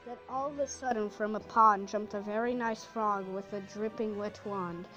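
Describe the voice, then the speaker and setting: A woman reading a rhyming children's story aloud, with a lively, expressive delivery. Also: mid-range voice, normal speed, muffled recording, soft background music.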